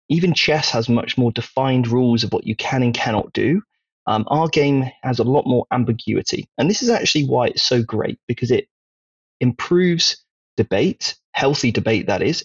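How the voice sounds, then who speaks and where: A man with a Wiltshire accent talks through his ideas on a casual podcast, often pausing to check in with "okay?". His voice is husky and a little breathy. The recording sounds dull and lo-fi. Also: medium pitch. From Wiltshire, England. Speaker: podcast co-host.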